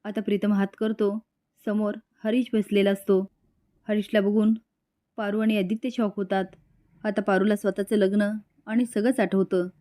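A woman narrating a retelling of a TV serial episode in a steady storytelling manner. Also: mid-range voice, normal speed.

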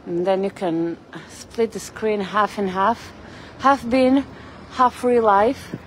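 Walking along a city street, a woman live-streams a casual, rambling chat, greeting viewers by name. She holds her phone camera as she walks, picking up traffic and street ambience, and the audio is poor. Her mid-range voice is steady in tone and slow.

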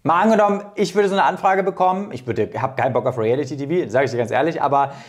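A man in his thirties hosting a casual interview, asking long, probing questions with a lapel mic in an indoor studio. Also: a little high. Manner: quick, probing questions with many fillers. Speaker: interview host.

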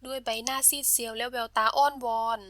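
A woman narrating a bedtime storybook in a gentle, steady and expressive way. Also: on the high side, fast talker, no room sound.

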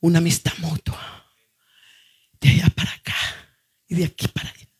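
A middle-aged woman preacher delivering an impassioned sermon, moving from hushed, slow phrases to fervent shouts. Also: lowish voice, level tone, husky.

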